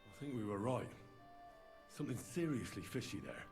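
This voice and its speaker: An actor playing an assured, persuasive investigator laying plans in conversational video game dialogue. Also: male voice, on the low side, lively intonation, normal speed, creaky, darkish tone, soft background music. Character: confident, reassuring investigator laying out a trap.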